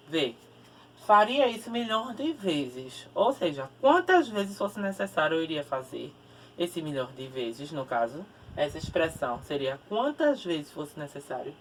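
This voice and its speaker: Teacher explaining from across the room. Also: male voice, a little high, fairly bright tone. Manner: explanatory, ends phrases with tag questions. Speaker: grammar teacher. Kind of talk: recorded grammar lesson. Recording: distant mic with faint background noise.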